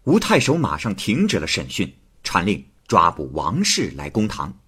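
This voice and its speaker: A man retelling a classic tale as storyteller, in an unhurried narrating way. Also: low voice, huge pitch swings, fairly bright tone, breathy edge.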